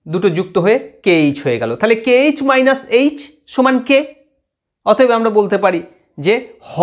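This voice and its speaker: A man teaching students phonetics, patiently explaining and repeating sounds aloud to demonstrate them. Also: high voice.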